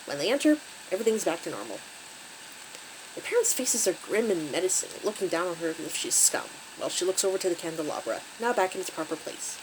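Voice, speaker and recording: A woman's voice: on the low side, big pitch swings, quick pace, noisy background. A woman hosting her channel, recapping a creepy story with wry, conversational asides. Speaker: channel host and story reader.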